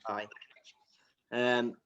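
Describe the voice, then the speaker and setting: A man talks in a relaxed, hesitant way on a video call. His audio comes through a little dull, with faint noise behind him. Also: mid-range voice, drawn-out words. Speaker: coach. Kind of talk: casual video-call discussion.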